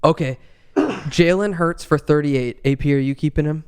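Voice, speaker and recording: A man's voice: a little high, moderate pace, clear, resonant tone. A man co-hosting a casual fantasy football podcast, thinking aloud with lots of restarts. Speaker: podcast co-host. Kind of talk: casual chat.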